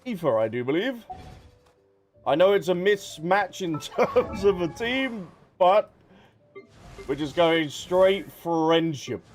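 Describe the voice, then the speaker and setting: This streamer has a high-pitched, very animated voice, yet he takes his time while talking. He chats with viewers by name during his game stream, with music from the game playing underneath.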